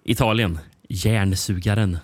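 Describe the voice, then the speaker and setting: A man's voice: lowish voice, fairly even intonation, breathy edge, dry recording. A man co-hosting a casual film podcast, laughing often and reading aloud with some stumbles and restarts. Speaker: podcast co-host.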